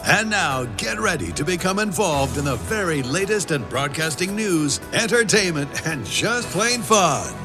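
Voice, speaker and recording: A man announcing a show intro in a booming, showy, scripted radio style. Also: expressive, unhurried, hardly any pauses. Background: music bed.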